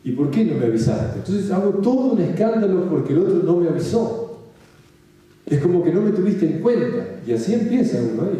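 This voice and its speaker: A man with a Rioplatense Spanish accent gives a calm spiritual talk, repeating his points and asking listeners if they follow. His voice is very dark and mellow. It rings out in a strongly reverberant room, picked up from a distant mic. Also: high-pitched. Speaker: spiritual speaker. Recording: very echoey room, mic far off.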